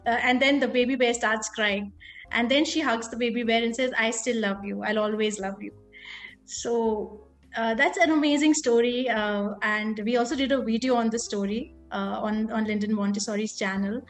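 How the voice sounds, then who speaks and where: A woman's voice: on the high side, a bit bright. A woman guest in a conversational interview, explaining her points at length and retelling a children's story. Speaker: guest, school founder.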